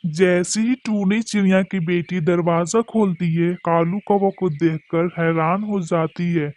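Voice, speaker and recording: A man's voice: high-pitched, fairly even intonation, unhurried, darkish tone. A man narrating a cartoon story in a plain storytelling manner.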